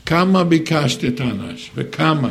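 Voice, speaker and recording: An older man giving an animated sermon, acting out other people's words in raised voices. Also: on the high side, gravelly.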